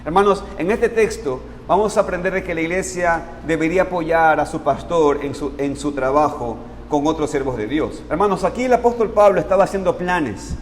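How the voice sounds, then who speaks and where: A man's voice: on the high side, a little fast, hardly any pauses, a little hiss or hum. Earnest man preaching in a reverberant church. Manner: addresses congregation as brothers, earnest and explanatory. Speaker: pastor. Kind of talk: sermon. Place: church sanctuary.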